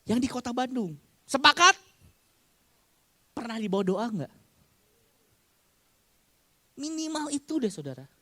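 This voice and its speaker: A male pastor preaching a sermon to his congregation, asking them questions and acting out their shouted amens. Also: extremely high pitch, big pitch swings, a little slow, pauses often, dry recording. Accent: Indonesian. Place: church congregation.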